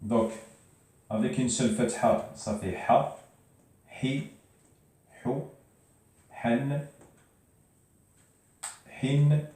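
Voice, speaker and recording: A man teaching a beginner's language lesson at a board, patiently repeating syllables and pausing often with hesitations. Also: medium pitch, mellow. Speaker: Arabic teacher. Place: room with a board. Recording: echoey room, voice from a distance.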